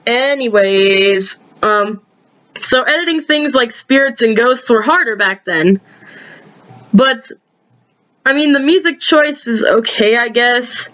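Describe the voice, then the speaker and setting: A woman's voice: takes it slowly, a bit bright. Sleepy chatty woman, lo-fi recording. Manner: chatty, with frequent ums and sudden upward pitch jumps. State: sleepy, yawning. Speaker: video creator reviewing her own episodes. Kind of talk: casual rambling commentary.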